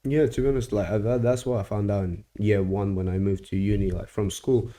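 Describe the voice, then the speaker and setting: Young guy from russia hosting a podcast, mellow voice, loose and slangy. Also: fairly low pitch, steady tone, brisk. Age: young adult. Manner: loose storyteller, casual slang. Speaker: podcast host. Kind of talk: casual chat.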